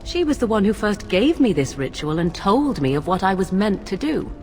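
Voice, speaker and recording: An actress voicing a cool, persuasive young witch in a fantasy game, speaking in formal, archaic, measured phrases. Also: mid-range voice, big pitch swings, a little mellow, soft background music. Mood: solemn, persuasive. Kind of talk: dramatic fantasy game dialogue.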